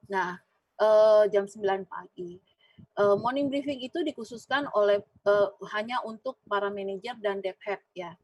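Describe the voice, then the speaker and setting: A woman's voice: mid-range voice, darkish tone, dry recording, low-quality recording. A woman giving a sermon at a prayer fellowship, telling a personal workplace story with many fillers and acted-out dialogue. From Indonesia. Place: church fellowship room.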